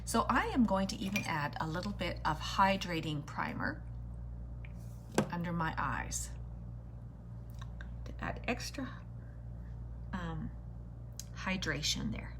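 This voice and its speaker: Low-pitched woman chatting on a noisy livestream. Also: animated, slow, pauses often. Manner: chatty, addressing viewers directly with greetings and endearments. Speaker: beauty vlogger hosting a live makeup tutorial. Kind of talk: casual livestream chat while doing makeup.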